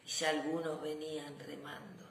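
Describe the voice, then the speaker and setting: A woman voicing a proud, affectionate old grandfather general who tells war memories in a deliberate, dramatic storybook manner. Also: low-pitched, level tone, slight background noise, voice pushed down. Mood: suspenseful, proud. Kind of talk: children's storybook narration. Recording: echoey room.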